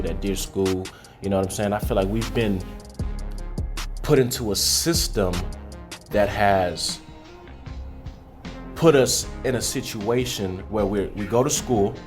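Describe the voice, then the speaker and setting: A young man from Haiti, a guest on a radio interview, talking earnestly and casually, always asking "you know what I'm saying". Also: on the low side. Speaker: guest, credit repair consultant.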